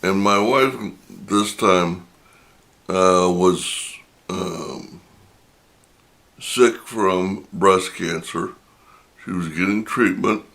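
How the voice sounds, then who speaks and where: Here an older host recounts a personal story to his channel's viewers, unhurried and thoughtful, stopping often. A long talking session has left his deep, gravelly voice a touch raspy, though it still sounds a bit bright.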